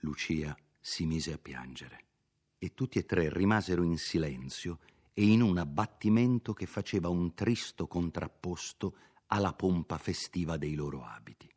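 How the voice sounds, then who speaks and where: A man narrating a classic novel in a measured, expressive reading. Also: sits low, breathy edge. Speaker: audiobook narrator. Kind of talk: scripted literary narration.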